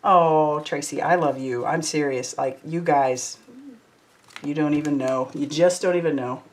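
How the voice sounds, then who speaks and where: With a low voice and a measured pace, a woman runs a crafting livestream, chatting casually while she works. She's warm and effusive, reading viewer comments aloud.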